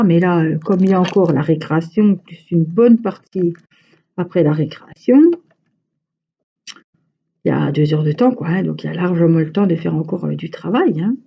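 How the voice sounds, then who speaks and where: A woman's voice: lowish voice, creaky, husky, muffled recording. A woman with a Franche-Comté French accent, chatting casually and rambling to her viewers as a crochet vlogger.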